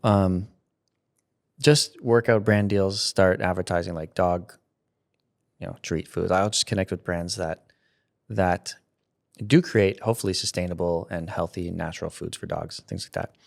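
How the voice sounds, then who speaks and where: Deep and creaky, this man's voice runs a little slow with fairly even intonation. In his thirties and a content creator, he's guesting casually on an interview, rambling, restarting sentences, and laughing often into a studio mic while wearing headphones.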